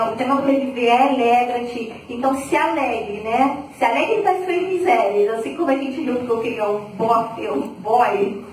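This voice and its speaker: A young woman giving a lively, chatty faith testimony, acting out her own past reactions. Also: high-pitched. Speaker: community member giving testimony. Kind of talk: personal faith testimony talk. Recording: very echoey, from far off, faint noise.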